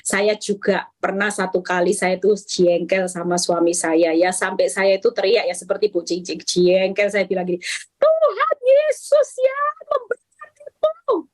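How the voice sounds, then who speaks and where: Woman pastor on zoom, warm and reassuring, animated way of talking. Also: mid-range voice, normal speed. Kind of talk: pastoral counsel. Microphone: video call.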